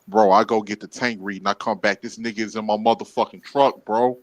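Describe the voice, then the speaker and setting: A man casually telling stories about his trucking work, animated and getting loud when he acts out confrontations. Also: on the low side, brisk, no echo, rough recording. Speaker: podcast co-host. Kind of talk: casual storytelling.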